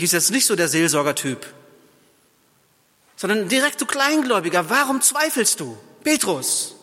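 Bright-voiced male preacher in a reverberant hall. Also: high-pitched. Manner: lively storytelling, retells Bible scenes in everyday words. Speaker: pastor. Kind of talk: sermon.

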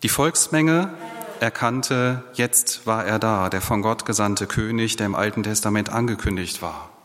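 A man's voice: lowish voice, unhurried, fairly bright tone. A man giving a sermon in a conversational preaching manner, asking rhetorical questions. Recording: long reverb of a large hall.

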